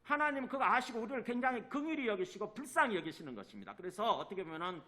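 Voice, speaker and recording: A man preaches in a high, bright voice. His pitch swings widely as he acts out quoted lines. He keeps putting questions to the congregation and answering them himself. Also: very animated, racing. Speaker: pastor. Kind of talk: sermon.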